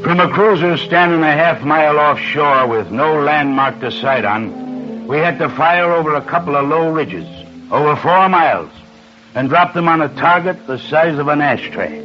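A man's voice: fairly high pitch, animated, moderate pace, close to an everyday voice. Muffled, hard-bitten sailor narrator voiced by a man. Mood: grim. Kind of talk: dramatic old radio narration. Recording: muffled old radio recording. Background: music.

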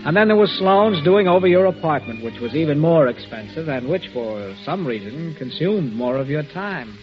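A man's voice: a little high, lively intonation, normal speed, natural voice. An actor playing Bill, a grave man narrating to a woman in a 1940s radio drama, on an old dull recording with music behind.

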